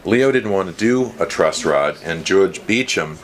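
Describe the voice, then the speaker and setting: Low and animated yet unhurried, his voice carries through a small, cluttered guitar shop. The fifty-something man tells stories and explains things casually, like a dealer speaking to a visitor, and a camera mic a short distance away records it in noisy handheld footage.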